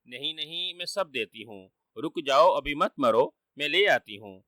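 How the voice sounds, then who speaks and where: A man's voice: fairly high pitch, expressive, bright, forceful tone, dry recording. A man voicing a panicky, flustered wife who pleads frantically. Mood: panicked.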